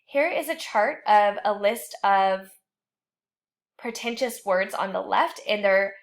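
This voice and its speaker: A woman instructor walks her class through writing rules in a recorded online lecture. Her delivery is clear and explanatory, at a medium pitch, with a light joking touch now and then. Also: slow pace.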